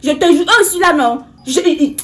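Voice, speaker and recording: A woman's voice: high-pitched, brisk, lightly acted. An actress playing a tired woman pleading with her uncle, insistent and exasperated.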